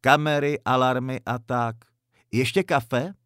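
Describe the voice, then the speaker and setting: A man voicing a sharp-tongued, lonely middle-aged mother in a storybook reading. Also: mid-range voice, steady tone, smooth, no echo, studio quality, lightly acted.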